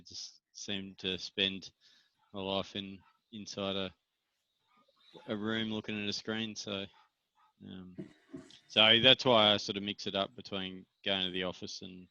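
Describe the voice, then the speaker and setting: A tired man speaking in a workshop over a video call, slow and hesitant, letting his sentences trail off. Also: deep voice, flat delivery, sharp tone, smooth, no room sound. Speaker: webinar participant. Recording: dull, dry lo-fi call audio.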